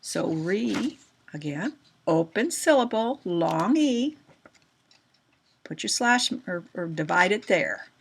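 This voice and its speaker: A woman teacher giving a recorded grammar lesson, patient and slow, often checking in with questions to her students. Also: medium pitch, big pitch swings, gravelly, breathy edge.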